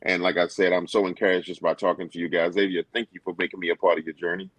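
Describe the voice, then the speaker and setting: A man's voice: low voice, flat delivery, fast, a bit bright, no room sound. A man speaking earnestly as a panelist in a discussion, with a preacher-like emphasis.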